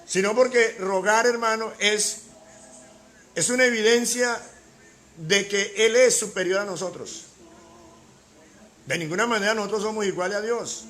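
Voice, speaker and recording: High-voiced male pastor preaching emphatically. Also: normal speed, pauses often, a bit bright. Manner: emphatic preaching, rhetorical questions, repeats key words. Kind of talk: sermon.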